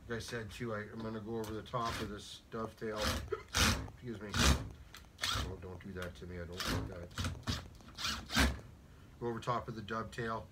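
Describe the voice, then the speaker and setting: A man's voice: lowish voice, flat delivery, a little fast. A man in his fifties casually talking through a sled rebuild in his workshop, muttering to himself as he works. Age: 50s. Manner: chatty, mutters to himself while working. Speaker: DIY sled restorer. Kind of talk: casual work-along narration. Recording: loud workshop noise behind voice.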